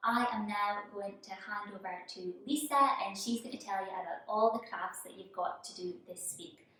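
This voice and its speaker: A woman's voice: medium pitch, moderate pace, pushed and bright. A woman presenting a children's show, talking to young viewers in an encouraging way with lots of questions. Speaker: children's church show host. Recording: very echoey room, distant microphone.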